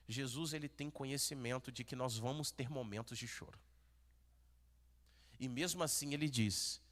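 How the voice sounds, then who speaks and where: A man with a Brazilian Portuguese accent, a pastor preaching a sermon, swinging from quiet murmurs to shouted peaks. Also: mid-range voice. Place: large church hall. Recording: echoey church hall.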